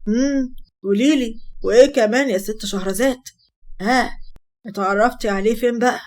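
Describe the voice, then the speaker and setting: Woman reading young Egyptian big brother, quick teasing banter, fast lines. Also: a little high, a little mellow, natural voice. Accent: Egyptian Arabic. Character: teasing protective older brother, young man.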